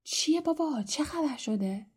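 A woman voicing a schoolboy talking in a hushed, breathless way. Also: high voice, animated, voice pushed up. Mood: tense.

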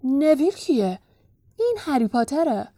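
A man's voice: extremely high pitch, expressive, vocal fry, warm tone, dry recording, clean studio sound, exaggerated voice. A woman voicing a short, stout, weary male minister who talks curtly and impatiently in a storybook reading. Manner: impatient, curt, sarcastic.

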